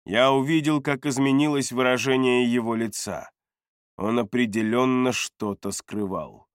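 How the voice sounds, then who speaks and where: A man narrating a first-person fantasy audiobook in a steady, measured manner. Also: mid-range voice, clear, resonant tone, no echo, studio quality.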